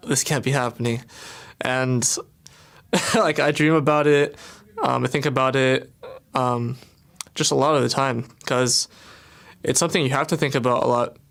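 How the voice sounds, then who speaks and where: A man's voice: medium pitch, a bit bright, smooth. A young man, a pro player, giving a rambling, casual interview answer full of fillers.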